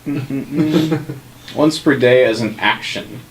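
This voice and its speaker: A man's voice: mid-range voice, slow pace, slight background noise, poor audio. A man running a tabletop game as game master, narrating casually with a dryly joking manner. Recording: group room with chatter behind.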